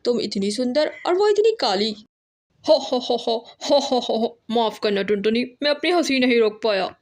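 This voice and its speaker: A woman's voice: a little high, animated, brisk, natural voice. A woman voicing a sly, scheming male hawk who gloats with a ho-ho laugh in a cartoon story. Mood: mocking.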